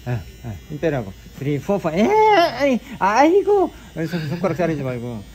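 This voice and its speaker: A man's voice: fairly high pitch, lively intonation, fairly quick, mellow. A man teaching barbering hands-on in a classroom, giving repetitive, direct instructions and sharply correcting students. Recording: noisy room recording.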